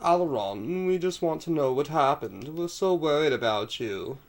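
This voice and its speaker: A man's voice: on the high side, animated, normal speed. A man doing a pompous vampire-like noble. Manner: mock-pompous put-on voice.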